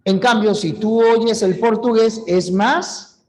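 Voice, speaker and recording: A man's voice: sits high, fairly even intonation, slow pace. A middle-aged man, teaching a language class in a chatty way, asking questions and answering them himself. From Peru. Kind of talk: online class lecture.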